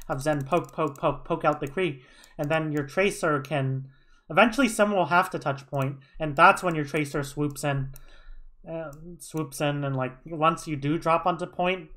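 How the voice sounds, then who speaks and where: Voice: mid-range voice, a bit bright. An analyst casually breaking down team tactics over a match broadcast, thinking aloud with many fillers and restarts. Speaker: co-streaming analyst.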